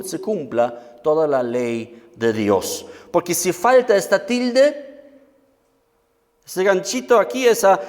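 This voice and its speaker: A male preacher teaching from scripture with a high, lively voice that climbs and drops widely. He explains step by step, keeps asking his listeners if they follow, and slows right down to stress each verse. The sound rings out with a long hall reverb. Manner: explanatory, asks the audience often; reads scripture slowly and emphatically. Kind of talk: Bible teaching sermon.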